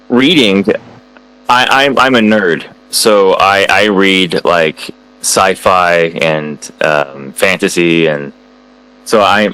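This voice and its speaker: The poor audio captures a fairly low, slightly bright, clean-toned male voice from the United States. He's a guest speaker in a casual online chat, answering students hesitantly with lots of fillers and restarts.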